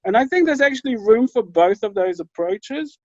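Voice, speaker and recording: Lively high-voiced man on a video call. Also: moderate pace, no room sound. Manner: animated, restarts sentences, many "you know" fillers. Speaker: writer and panel guest. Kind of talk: conversational panel discussion. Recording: dull lo-fi call audio, dry.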